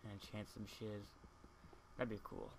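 A man with a lowish, creaky voice and big swings in pitch speaks at normal speed against a noisy background. He's a let's play gamer in casual chat during a block-building game, teasing friends and swearing freely.

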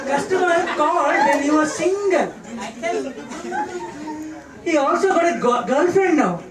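A man's voice: very high voice, expressive, unhurried. A man playfully narrates a live comedy skit as emcee. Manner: playful, mixes in local slang. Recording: distant voice in echoey hall, loud crowd.

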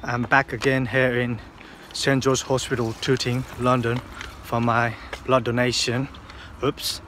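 A man's voice: medium pitch, level tone, a little slow, fairly bright tone. A man in his thirties vlogging to a phone at arm's length outdoors and in a car, rambling with many fillers and restarts. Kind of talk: casual vlog to camera. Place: outdoors on city streets, partly in a car. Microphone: phone held at arm's length. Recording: phone recording with clear street noise. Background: street and car noise.

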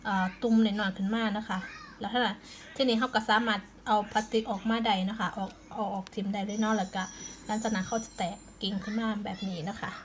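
A woman's voice: mid-range voice, a bit bright, slight background noise, poor audio. A woman with an Isan Thai accent chatting in a casual home vlog, explaining plant care step by step. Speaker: vlogger.

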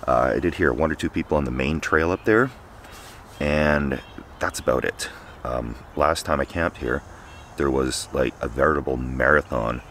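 A man's voice: a bass voice, normal speed, a bit bright, a little hiss or hum. A man in his forties filming a casual camping vlog outdoors in the woods, talking to a nearby camera with dry, wry asides. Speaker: camping vlogger. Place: woods at night and morning, outdoors.

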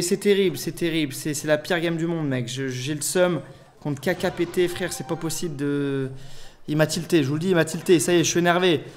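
A young man commentating his own mobile strategy game, swinging between low muttering and loud, swearing outbursts. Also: a little hiss or hum. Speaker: gaming YouTuber. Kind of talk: live gameplay commentary. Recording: faint game music behind.

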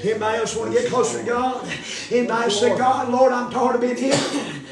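A man's voice: very high voice, fairly even intonation, brisk, gravelly, over a noisy crowd. A man preaching revival, hollering and exhorting the congregation. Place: church during a revival meeting. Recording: echoey church, distant mic, congregation calling out.

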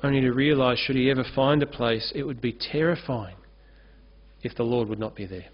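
Preaching a little fast in a medium-pitched voice, a pastor gives an earnest sermon on a curtained church stage, gesturing freely at a lectern microphone. The sermon comes through in a dull, lo-fi recording.

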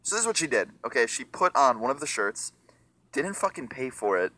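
Fast, bright-voiced young man ranting a storytime. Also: medium pitch, no room sound. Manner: profane, excitable, mimics other people. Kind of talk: storytime rant.

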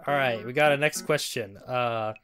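A man in his twenties hosting a casual chat, animated and giggly, acting out little quotes as he talks. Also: mid-range voice, normal speed, soft background music. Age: 20s. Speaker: podcast host.

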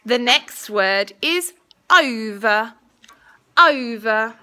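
A young woman, a primary school teacher, giving a school dictation for a spelling test with deliberate enunciation, repeating each word. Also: fairly high pitch, animated, bright, forceful tone. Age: young adult. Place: small indoor classroom. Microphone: phone at arm's length.

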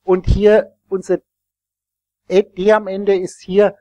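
A man with a notably high voice lectures a room full of listeners, wandering from point to point and checking whether they are following. His sound is close and dry, with almost no room echo. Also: little pitch movement, slow, warm tone, muffled recording. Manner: rambling, explanatory, asks the audience questions. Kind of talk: live teaching talk to an audience.

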